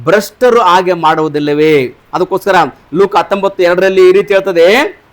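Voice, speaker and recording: A man's voice: high-pitched, fairly quick. A man preaching a sermon, asking the congregation questions and repeating their answers. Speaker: pastor. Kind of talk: sermon with call-and-response.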